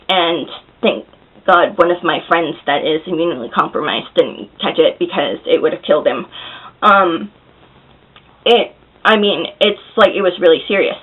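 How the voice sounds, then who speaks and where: An American woman who is hoarse and unwell with a cold, chatting casually and candidly to her viewers, a little short of breath. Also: on the low side. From Oregon, United States. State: out of breath, shaky. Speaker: vlogger answering viewer questions. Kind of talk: casual chat to camera. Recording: thin, phone-like narrow sound.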